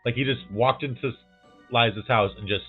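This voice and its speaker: A man's voice: medium pitch, moderate pace, husky. A man giving playful, casual commentary as a let's play host. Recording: thin phone-like sound, faint music.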